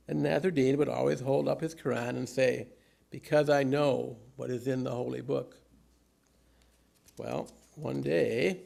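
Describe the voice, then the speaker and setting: An older man with a gravelly, creaky voice delivers a humorous sermon, telling anecdotes from notes in measured, deliberate phrases. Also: mid-range voice, darkish tone. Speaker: preacher.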